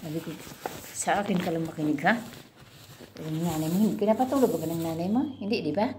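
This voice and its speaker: Lower-pitched woman telling a story, casual chat. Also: fairly quick, a little hiss or hum. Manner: animated storytelling, quoting herself scolding a child. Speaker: vlogger.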